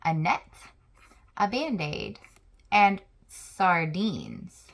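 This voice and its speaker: Slowly and expressively, a children's channel host reads a picture book aloud in a fairly low voice with vocal fry.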